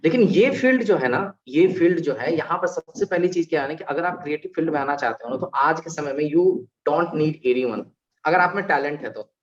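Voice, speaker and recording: A man, an alumni guest on a panel, talking in an animated way and explaining with examples and rhetorical questions. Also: a little high, brisk. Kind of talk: conversational panel talk. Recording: dull lo-fi recording.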